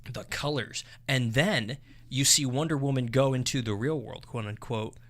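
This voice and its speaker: An excitable young man co-hosting a movie podcast, his voice bright and ringing. He talks with a fan's enthusiasm and plenty of swearing. His level jumps from loud bursts to quiet asides. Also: mid-range voice, moderate pace. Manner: excitable, profane, swings loud and soft. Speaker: podcast co-host. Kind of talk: casual movie review chat.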